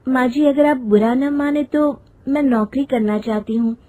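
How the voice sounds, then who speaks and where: A woman's voice: high voice, a little slow, mellow, pitched above the performer's own voice. A woman voicing a polite, hesitant young daughter-in-law in a storybook.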